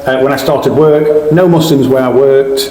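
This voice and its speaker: A man's voice: medium pitch, steady tone, normal speed, mellow. A man in his forties from Sheffield, with a Sheffield accent, talking as a podcast guest and often restarting his sentences. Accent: Sheffield English. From England. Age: 40s. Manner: frequent restarts and repeated words. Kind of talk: casual interview. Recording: echoey room with faint ambience.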